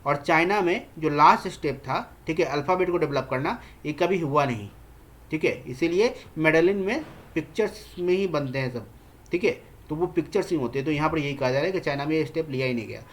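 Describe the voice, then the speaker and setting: Teacher for an exam-prep lesson: reads English lines slowly, explains in mixed languages, checks in constantly. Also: mid-range voice. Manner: constantly checks in with "theek hai" fillers.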